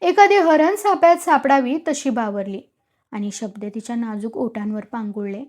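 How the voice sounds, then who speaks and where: Female storyteller, high pitch, dramatic expressive story reading. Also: moderate pace. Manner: dramatic, vivid narration.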